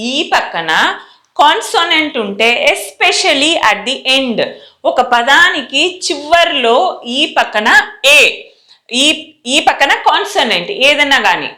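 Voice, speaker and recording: A woman with a Telugu accent teaching English pronunciation slowly, spelling words letter by letter and repeating them for her viewers. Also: fairly high pitch, bright, forceful tone. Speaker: spoken English tutor. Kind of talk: slow classroom pronunciation lesson. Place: indoor teaching setup with a screen.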